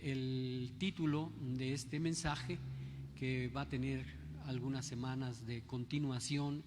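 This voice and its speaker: Older Mexico City pastor, echoey hall. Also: male voice, medium pitch. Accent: Mexico City Spanish. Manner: unhurried, conversational, frequent hesitations. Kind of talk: sermon. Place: church.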